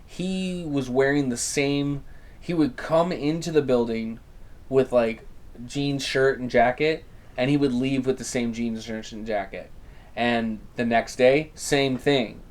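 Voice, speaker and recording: Ranting young man on a podcast. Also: medium pitch. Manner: swears a lot, animated rants. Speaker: podcast host. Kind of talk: casual chat.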